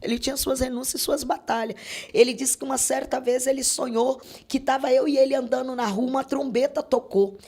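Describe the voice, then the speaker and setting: A woman's voice: high-pitched, fairly even intonation, a little fast, mellow, breathy edge. A middle-aged woman with a Brazilian Portuguese accent giving an earnest religious testimony and acting out the dialogue she recalls. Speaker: church member giving testimony.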